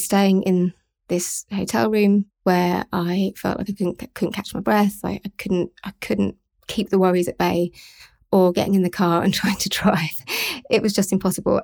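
A middle-aged woman, hosting a podcast and speaking candidly and in a measured way about her own experiences. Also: fairly low pitch. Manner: candid, measured, occasional soft laughs. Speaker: podcast host. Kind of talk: personal reflective monologue.

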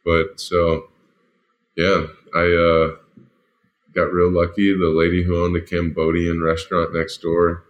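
A man's voice: sits low, monotone, a little slow, dull audio. A man, a former football lineman, casually tells a story, rambling and filling it with "like" and "you know". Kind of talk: casual spoken anecdote.

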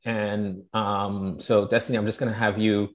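A man from Togo, moderating an online forum in a measured way, often searching for his words. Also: on the low side, flat delivery. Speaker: panel moderator. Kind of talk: introducing an online forum discussion.

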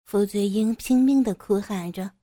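Female narrator, warm dark tone, even storytelling pace, dry close sound. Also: medium pitch, normal speed, no room sound.

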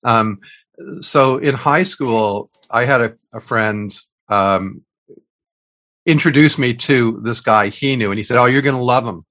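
A man's voice: medium pitch, takes it slowly, a bit bright. A man in his fifties co-hosting a podcast, chatting casually with many fillers and restarts over a video call. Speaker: podcast co-host. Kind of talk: casual chat.

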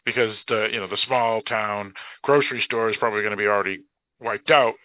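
A podcast co-host from the Boston area of the United States, speaking with a Boston accent, rambles and hedges as he explains things in a casual discussion. His voice is lowish and steady in tone, fairly quick, with no echo, though the podcast audio is dull and lo-fi.

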